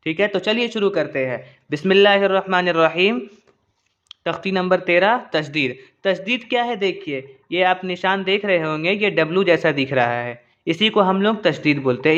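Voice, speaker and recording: A man teaching Quran reading slowly and patiently, drilling syllables one by one and checking that viewers understood. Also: sits high, fairly bright tone, muffled recording. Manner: asks "understood?" often. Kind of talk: slow step-by-step recitation lesson.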